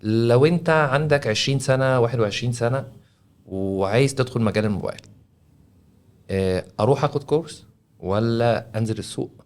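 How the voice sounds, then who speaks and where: A man with an Egyptian Arabic accent, an interviewer who asks brisk, probing questions and gives quick short replies. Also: medium pitch, a little mellow.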